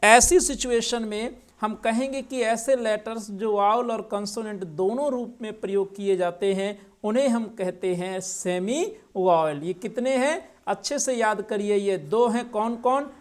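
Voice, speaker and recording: A man's voice: sits high, unhurried, few pauses. A man teaching a recorded grammar lesson, explaining patiently, asking his viewers questions and repeating each term in two languages. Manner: repeats terms in both English and Hindi.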